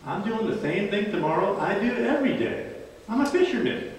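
A preacher acting out a quick-tempered fisherman who snaps back in blunt, exasperated retorts, his voice pushed up higher than usual. The sound is roomy and distant, carried by a long hall reverb. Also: expressive. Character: quick-tempered male fisherman, easily frustrated. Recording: echoey hall from far off.

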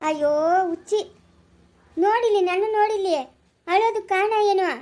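A young woman playing a loving daughter who soothes and reassures her parents, repeating herself gently, in a family short drama. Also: very high-pitched, normal speed, low-quality recording. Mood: anxious.

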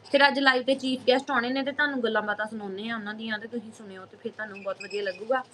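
A woman's voice: on the high side, fairly even intonation, rapid-fire, pushed and bright, slight background noise, poor audio. A woman hosting a casual live stream on a phone, chatting to viewers, greeting them by name and repeating phrases.

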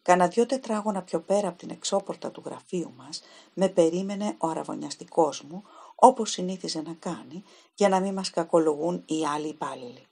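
A frightened young woman who pleads with a trembling, husky voice, set a little low for her age, as a woman reading a storybook puts her on. She sounds pale and shaken, choosing her words with care. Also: a little mellow. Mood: tearful confiding.

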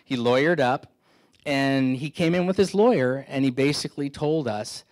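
A man's voice: medium pitch, normal speed, darkish tone. Middle-aged man telling stories at a meeting. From San Francisco Bay Area. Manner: conversational storytelling, self-deprecating humor, many restarts. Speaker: keynote speaker, FBI agent. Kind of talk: anecdotal keynote talk. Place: indoor meeting hall, standing before an audience. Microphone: handheld microphone.

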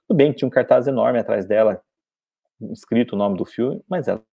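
A man's voice: mid-range voice, brisk, vocal fry, dark tone, breathy edge. A man from Brazil, an English teacher, giving a casual spoken lesson and often checking in with "entendeu?". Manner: conversational, often asks "entendeu?".

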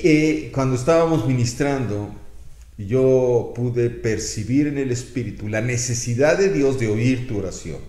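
An older man with a Mexican Spanish accent delivers a sermon at a middle pitch, acting out the cries of people in need and punctuating points with sound effects. His voice rings in a roomy, echoing space. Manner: lively preaching with sound effects and acted pleas. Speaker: pastor.

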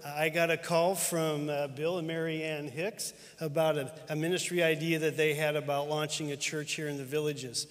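A man's voice: a little high, level tone, moderate pace, hardly any pauses. A middle-aged man, a church superintendent, giving an earnest, storytelling tribute to a pastor friend on stage. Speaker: denominational superintendent. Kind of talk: heartfelt tribute speech. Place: large church auditorium with live audience. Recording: long hall reverb.

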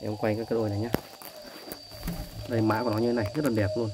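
A man who breeds doves gives a casual, chatty tour of his cages while filming on a phone, filling pauses with short tags. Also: lowish voice, flat delivery. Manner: chatty, repeats "đấy" between points. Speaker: dove breeder selling birds. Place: bird aviary with cages. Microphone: phone held while filming. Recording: loud bird noise on phone audio. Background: doves cooing loudly.

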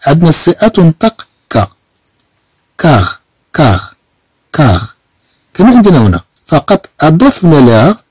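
A Moroccan man teaching French pronunciation in Moroccan Arabic, slowly repeating and stretching example words. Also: fairly high pitch, darkish tone, no room sound, low-quality recording. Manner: slow, drawn-out repetition of example words.

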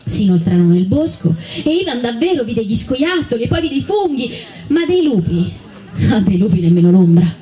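A woman with an Italian accent reading a children's story aloud, gently and unhurried, with small slips. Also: a little high, very animated.

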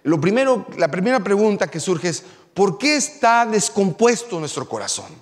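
A man's voice: sits high, sing-song, normal speed. A man preaching a sermon, moving from telling a story to emphatic preaching. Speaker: pastor. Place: church sanctuary. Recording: long hall reverb.

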